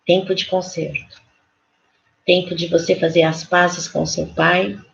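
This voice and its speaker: Female pastor, casual sermon delivery with fillers, gravelly tone, faint background hiss. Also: lowish voice, flat delivery, a little slow. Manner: conversational preaching with frequent fillers. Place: church. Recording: dull lo-fi online service recording.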